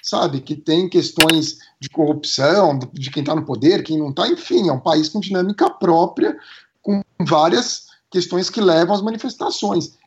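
A man giving conversational analysis as a commentator, speaking in an animated, emphatic way. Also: sits high, highs cut off.

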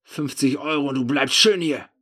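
A man voicing his own drunk, furious younger self, slurring and shouting. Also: mid-range voice, moderate pace, voice pushed up.

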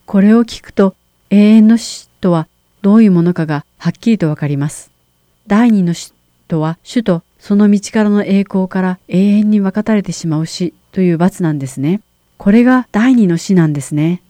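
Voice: medium pitch, moderate pace, dark tone, no room sound. A questioner in a Bible Q&A who agrees politely and reads scripture verses aloud carefully. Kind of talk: Bible Q&A conversation.

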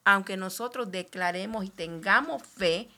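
A woman pastor hosting a faith podcast, gently affirming and addressing her guest as sister. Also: medium pitch, a little slow. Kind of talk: pastoral commentary.

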